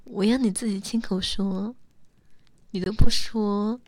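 A young woman speaks in a natural, medium-pitched voice with a steady tone, unhurried, in an intimate role-play audio with no echo. Close to the mic and in soft whispers, she plays a teasing, coaxing young woman who calls herself big sister.

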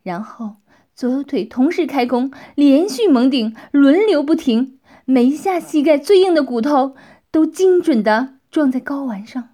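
A woman narrating a story, often dropping into soft, half-whispered passages. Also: high voice, lively intonation, measured pace.

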